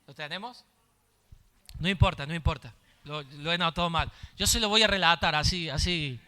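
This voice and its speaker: A man's voice: a little high, normal speed, sharp tone, clear, resonant tone. A male pastor preaching a sermon, repeating his phrases and building in intensity as he goes.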